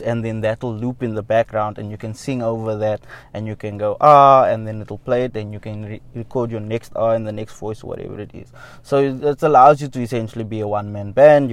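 A man's voice: on the low side, darkish tone, dry recording. A man, a musician answering interview questions in a loose, rambling way with many fillers and the odd wry laugh. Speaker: musician guest.

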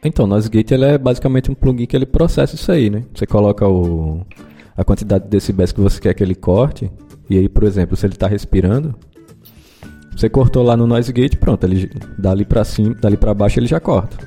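A man's voice: on the low side, quick pace, mellow, slightly rough, faint music behind. A man patiently explaining a technical tool during a casual podcast voice call. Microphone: online voice call.

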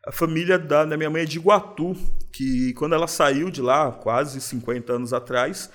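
Relaxed São man, slang-heavy. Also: fairly high pitch, normal speed. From São Paulo, Brazil. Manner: relaxed, reflective, uses street slang. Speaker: guest. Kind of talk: casual interview.

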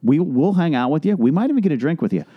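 A man's voice: fairly high pitch, animated, quick pace, no echo, muffled recording. A man co-hosting a casual podcast, telling stories in a rambling way and restarting words as he goes. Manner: rambling storyteller who repeats words as he restarts. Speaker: podcast co-host. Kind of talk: casual chat.

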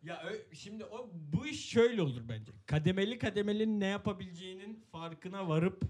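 A man with a high-pitched voice leads a casual podcast chat. He jokes around and raises his voice sharply when acting out what he'd say. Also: animated, fairly quick, breathy edge. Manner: joking, loud bursts when quoting himself. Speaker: podcast co-host.

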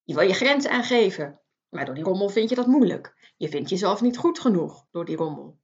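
A woman's voice: mid-range voice, big pitch swings, moderate pace, dull audio. A woman coaching the listener in a motivational self-help talk, earnest and direct, speaking straight to them. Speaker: life coach.

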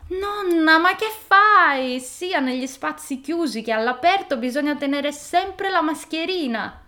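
Woman doing a high, fretful little girl. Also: big pitch swings, unhurried, a bit bright, exaggerated voice. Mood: scolding. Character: little girl, anxious and rule-minded.

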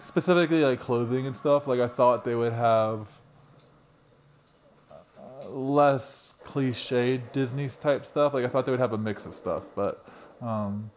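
A man co-hosting a relaxed podcast, talking with an ordinary middle pitch. He rambles and restarts often, filling pauses with ums. A faint hiss sits under his voice. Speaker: podcast co-host. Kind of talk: casual chat.

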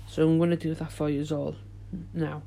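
A man hosts a solo podcast, chatting casually in an informal, halting, unpolished way. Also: a little high, level tone, gravelly, mellow. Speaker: podcast host.

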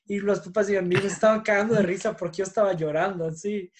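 A young man in casual chat with friends, animated and quick to laugh. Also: high voice, slight background noise.

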